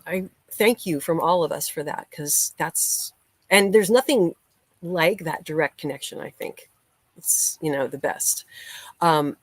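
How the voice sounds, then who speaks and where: An American woman hosts a casual livestream, talking easily and greeting viewers by name as their comments come in. Her voice sits a little low. The sound is dry and close, with no room echo. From United States. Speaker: musician hosting a livestream. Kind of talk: casual live-chat hosting.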